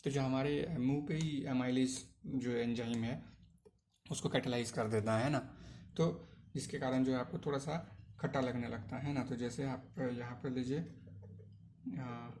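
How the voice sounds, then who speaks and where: A man teaching a chemistry lesson in Hindi, mixing in English terms. He keeps asking the class questions, answers them himself, and fills pauses with hesitations. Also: mid-range voice, fairly even intonation, darkish tone, a little hiss or hum. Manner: asks questions then answers them, frequent "है ना" tags; hesitant fillers. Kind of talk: online chemistry lecture.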